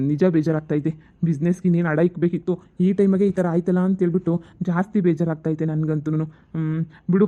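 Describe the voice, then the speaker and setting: A woman's voice: fairly low pitch, close to an everyday voice. A woman playing a blustering son-in-law, lecturing and dismissive. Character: blustering son-in-law, boasts of police friend. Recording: dull lo-fi recording.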